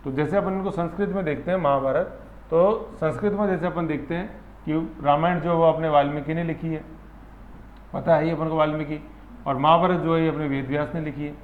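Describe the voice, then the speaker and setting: Man teaching a class, fairly high voice, roomy and muffled lo-fi sound, lively, memory tricks, checks on students. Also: a little fast, a little hiss or hum. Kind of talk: exam-prep classroom lecture.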